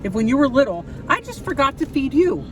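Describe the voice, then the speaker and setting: A woman's voice: high-pitched, sing-song, a little fast. A middle-aged woman talking casually in an everyday conversation. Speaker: wife joining the conversation. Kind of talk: casual chat. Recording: distant mic, loud traffic and car noise.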